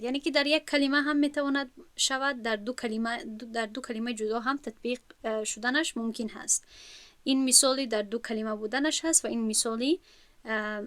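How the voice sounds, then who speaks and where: A woman's voice: on the high side, a bit bright, no room sound. A woman with a Tajik accent, teaching an online lesson on recitation rules and drawing out example words with care. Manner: slow, careful, drawn-out demonstration of words.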